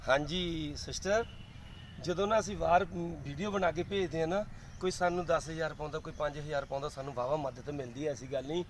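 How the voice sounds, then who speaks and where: A man's voice: fairly high pitch, fairly quick, slight background noise. A man in his forties with a Punjabi accent, answering questions casually in an outdoor interview. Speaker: comic performer being interviewed. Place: outdoors in a leafy park.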